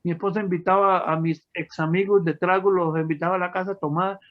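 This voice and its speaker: A man's voice: high voice, steady tone, fast talker. A man telling his personal testimony to an audience, emotional and storytelling, calling his listeners friends. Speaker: testimony speaker. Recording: dull lo-fi sound.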